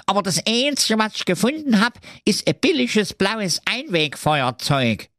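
A man's voice: high voice, sing-song, measured pace, fairly bright tone, no room sound, studio quality, pitched above the performer's own voice, heavily acted. A man voicing a grumpy frog king in a comic fairy tale read aloud, quacking between his sentences. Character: grumpy male frog king with a tiny crown.

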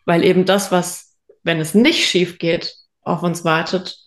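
On a podcast she co-hosts, a woman with a lowish, steady voice talks at a measured pace. The conversation is relaxed and thoughtful, with her working through ideas out loud.

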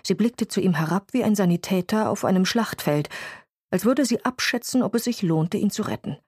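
A woman's voice: medium pitch, darkish tone, slightly rough, no room sound. Woman narrating an audiobook, dry sound. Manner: measured, descriptive. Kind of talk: scripted narration.

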